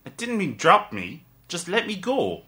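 A tiny, indignant leprechaun with a strange accent. The voice sits very high and swings widely, with a sharp, bright edge. He is reproachful and mutters as if to himself, like a creature in a storybook. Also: huge pitch swings, unhurried, heavily acted. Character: small grumpy male leprechaun, reproachful.

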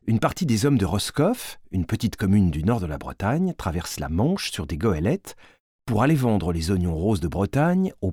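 A man narrating a storybook in an expressive, varied way with a husky voice. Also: on the low side, dry recording, clean studio sound.

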